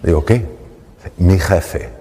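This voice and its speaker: A man's voice: low-pitched, takes it slowly. Man telling a story in a hall. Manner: animated, acts out dialogue. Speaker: doctor telling a patient story on stage. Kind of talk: storytelling talk.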